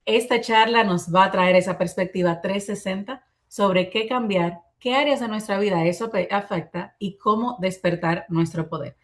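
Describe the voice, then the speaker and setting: A woman moderating an online panel, introducing speakers and guiding questions fluently. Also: on the low side. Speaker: webinar moderator. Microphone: video call.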